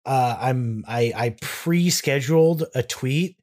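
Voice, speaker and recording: Male podcast co-host, Texan accent, mid-pitched voice, sarcastic banter. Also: darkish tone. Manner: wry, bantering, with quick sarcastic comebacks. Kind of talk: casual chat.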